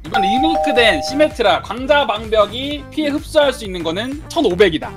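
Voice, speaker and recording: A man reading out quiz questions and announcing the answers like a quiz master, with loud music behind. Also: very high-pitched, expressive, fairly quick. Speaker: quiz question reader and judge.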